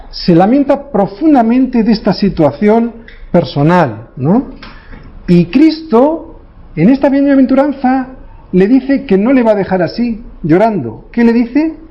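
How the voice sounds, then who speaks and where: A male pastor with a fairly high voice delivers a sermon, driving each point home and checking in with quick tag questions. The recording is dull and slightly lo-fi.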